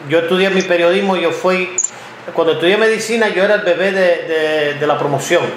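High-voiced man in an echoey room. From United States (Ohio). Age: 50s. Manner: halting, repeats words often while telling a story. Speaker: interviewer, blogger and journalist. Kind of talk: conversational interview. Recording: echoey room with background noise.

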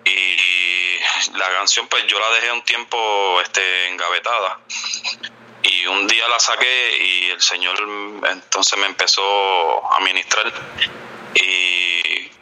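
A man with a very low voice and a strikingly bright, forceful tone talks about his worship songs. His voice sounds smooth and resonant, and he drops in amens and fillers as he talks. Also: steady tone, slow, poor audio. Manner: devout, answers with amens and filler words. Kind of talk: interview answers.

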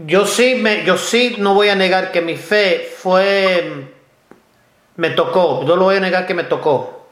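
A man from the United States hosting an interview, halting and repeating his words. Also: high-pitched, fairly bright tone, roomy sound. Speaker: host.

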